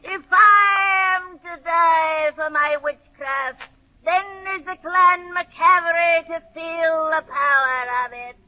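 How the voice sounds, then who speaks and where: Furious witch on an old radio play, super high and slow, muffled recording. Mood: vengeful, cursing. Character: vengeful condemned witch, shrieking and defiant. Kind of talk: 1940s radio acting.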